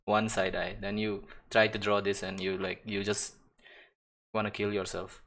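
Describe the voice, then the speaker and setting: A man's voice: lowish voice, level tone, normal speed. Rambling man chatting while drawing. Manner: rambling, self-interrupting, laughs and swears often; drifts into quiet mumbling to himself while working. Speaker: digital artist streaming. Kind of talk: casual live-stream chatter while drawing.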